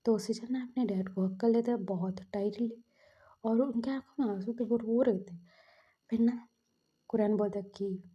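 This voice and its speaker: Soft whispering woman telling a story. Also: fairly high pitch, fairly even intonation, moderate pace, husky, lo-fi sound. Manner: soft, mostly whispered narration with brief quoted dialogue. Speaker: fan fiction storyteller. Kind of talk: casual whispered story retelling.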